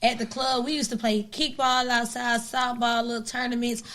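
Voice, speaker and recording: Young woman, higher voice, playful and talkative, casual interview. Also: flat delivery, normal speed, noisy background. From born in Maryland, raised in Atlanta. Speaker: guest rap artist.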